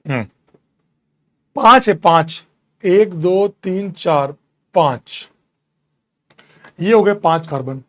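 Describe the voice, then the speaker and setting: High-voiced man teaching chemistry casually. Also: slow, pauses often. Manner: casual, encouraging, calls students bro. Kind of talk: classroom lecture.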